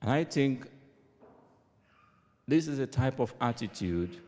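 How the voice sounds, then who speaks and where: A man speaking as a priest, reading scripture and preaching in a solemn, measured manner in an echoing church. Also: medium pitch, lively intonation, dark tone. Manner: deliberate, measured. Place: inside a large church. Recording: echoing church hall, long cathedral-like reverb.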